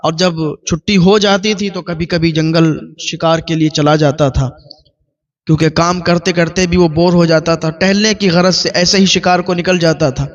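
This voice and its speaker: A man's voice: a little high, steady tone. A male preacher telling a story in a sermon, with a repetitive, listing cadence. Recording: dull lo-fi recording.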